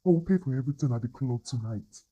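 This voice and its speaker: A man voicing an excited, boastful scammer accomplice. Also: mid-range voice, quick pace, dull audio, close to an everyday voice. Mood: gleeful. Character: gleeful male scammer accomplice.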